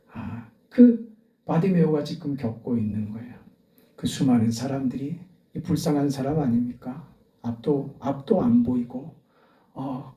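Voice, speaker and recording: Give me a rich sermon: a man preaching with passion, his high voice mellow and soft-edged. He builds to loud, pleading appeals. He is recorded from across an echoey church. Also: recorded from a distance. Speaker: pastor. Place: church sanctuary.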